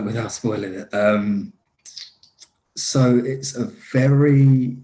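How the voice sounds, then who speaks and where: A lead actor appears as an interview guest, talking casually about his acting work with many fillers, restarts and easy laughter. His voice is lowish and somewhat dark, recorded in an echoey room.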